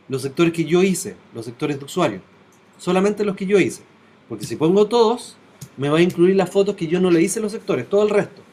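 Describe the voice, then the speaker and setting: A man's voice: fairly high pitch, a little mellow. A man teaching web design in a classroom. He walks through each step and keeps checking that his students follow. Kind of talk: classroom software tutorial.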